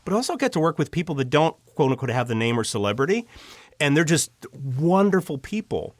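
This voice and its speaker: A very animated man with a voice on the high side talks fast, recorded with no room sound. He is an interview guest, an audio drama writer and director who gushes over his anecdotes and acts out the dialogue.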